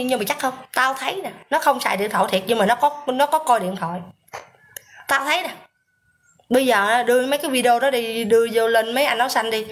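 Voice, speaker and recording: A woman ranting on a livestream, firing rhetorical questions at viewers and thanking them by name. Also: on the high side. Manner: combative, hammering rhetorical questions. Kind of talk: livestream rant.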